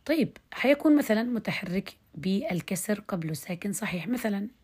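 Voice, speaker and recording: A woman teaching recitation rules in an online lesson, explaining step by step, checking that students follow, and reciting example words slowly to show them. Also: mid-range voice, lively intonation, darkish tone, slightly rough. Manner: explains step by step, checks understanding with quick questions.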